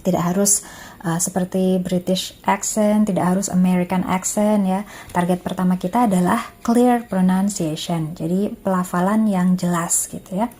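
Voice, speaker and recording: Woman, Indonesian accent, lecturer, recorded lesson, warm tone, frequent filler pauses. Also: on the low side, fairly even intonation. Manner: mixes teaching English terms with explanations, many filler pauses.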